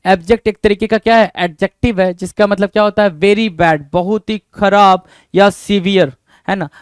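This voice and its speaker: Man, exam-prep vocabulary lesson, rhetorical questions, bright high pitch, dry close recording. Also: steady tone, moderate pace, smooth, no echo. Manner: rhetorical questions to students, repeats words. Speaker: vocabulary teacher.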